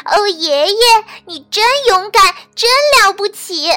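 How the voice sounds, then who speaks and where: A woman's voice: very high-pitched, normal speed, bright, forceful tone, no room sound, soft background music, pitched above the performer's own voice. A woman voicing a small, timid young male toad who eagerly admires his grandfather in a storybook tale. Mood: excited, admiring.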